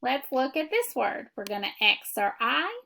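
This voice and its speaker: Woman teacher doing phonics, real slow and deliberate, a bit of fry in her voice. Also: high-pitched, big pitch swings, pushed and bright. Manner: slow, deliberate classroom instruction. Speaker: reading teacher. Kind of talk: phonics lesson.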